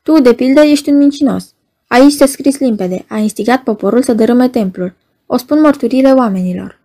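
A woman reading the lines of a stern, ailing Roman procurator, speaking quietly in a flat monotone without raising her voice. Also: fairly high pitch. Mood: cold. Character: cold ailing Roman procurator, stern middle-aged man.

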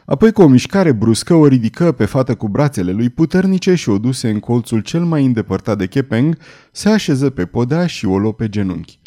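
Man with a dark, mellow narrating voice. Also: mid-range voice, big pitch swings. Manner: measured, theatrical storytelling. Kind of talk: dramatic audiobook narration.

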